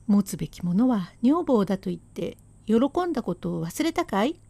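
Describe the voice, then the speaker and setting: A woman voicing a sharp-tongued, hardworking Edo wife who scolds her husband sarcastically and relentlessly, in rakugo storytelling. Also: medium pitch, big pitch swings, normal speed, vocal fry, no room sound. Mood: scolding.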